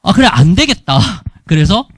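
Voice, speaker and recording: Middle-aged guy with a gyeongsang accent telling mission stories at church, bouncy pitch, dry close sound. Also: normal speed, no room sound. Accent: Gyeongsang Korean. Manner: lively storytelling with humor. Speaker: missionary speaker. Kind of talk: testimony sermon.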